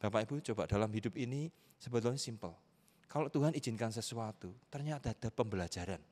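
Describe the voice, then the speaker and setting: Middle-aged male pastor, lowish voice, animated storyteller, long church-hall reverb. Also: fast. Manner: animated storyteller, acting out family members' voices with sharp leaps in pitch. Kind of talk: sermon with personal story. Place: church sanctuary.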